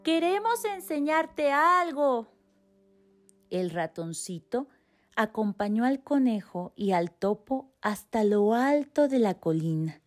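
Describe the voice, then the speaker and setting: A woman narrating a children's story in a gentle, slow storytelling manner, with soft piano behind. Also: mid-range voice, animated. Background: faint piano music.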